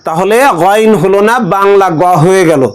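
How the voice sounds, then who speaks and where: A male Quran teacher leading a call-and-response pronunciation lesson, stretching each sound slowly for a class to repeat. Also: sits high, steady tone, clear, resonant tone.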